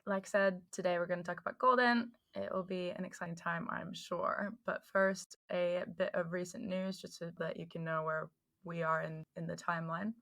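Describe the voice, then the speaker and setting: A woman in her thirties opens and steers a casual podcast chat. Her voice sits a little low with a gravelly edge. She talks in a relaxed way, thinking aloud with plenty of fillers. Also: normal speed. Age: 30s. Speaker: podcast host.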